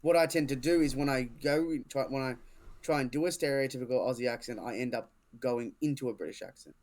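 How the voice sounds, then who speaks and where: A man's voice: mid-range voice, fast, a little mellow. Hesitant man chatting on a podcast. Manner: hesitant, many fillers. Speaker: podcast co-host. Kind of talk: casual chat.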